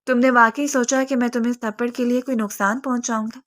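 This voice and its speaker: A curt, scolding young mafia heir from a spoken romance novel, read by a woman. The lines come out bossy and clipped, in a slightly high voice. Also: steady tone, a bit bright, natural voice. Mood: low, earnest. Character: brusque young male mafia heir, gruff.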